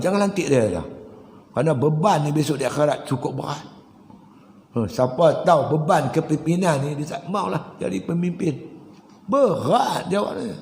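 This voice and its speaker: An older man, a religious teacher giving a sermon, telling stories with dramatic swings between loud high bursts and low, quiet lines. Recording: echoey hall with long reverb.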